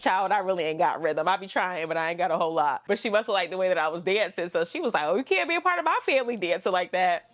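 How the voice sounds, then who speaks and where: A woman vlogger telling a personal story, candid and emotional, chatty with slang asides. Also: lowish voice.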